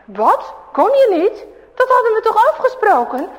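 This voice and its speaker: Woman doing a bully boy, high and loud, in a long-echo hall. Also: unhurried. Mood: indignant. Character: bullying older boy, threatening and sly.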